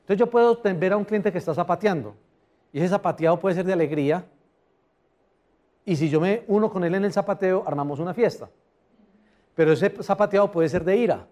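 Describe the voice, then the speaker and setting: A man giving a lively customer service seminar, often putting questions to the audience. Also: high voice, brisk, pauses often. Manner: animated, asks the audience questions. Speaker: motivational speaker.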